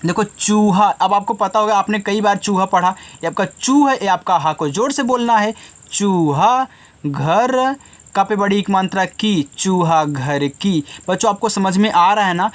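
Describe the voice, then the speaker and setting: A man teaching children to read, breaking each word into its syllables before saying it whole. He speaks very slowly and deliberately, with frequent gentle prompts to the children. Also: high voice. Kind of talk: slow Hindi reading lesson for children.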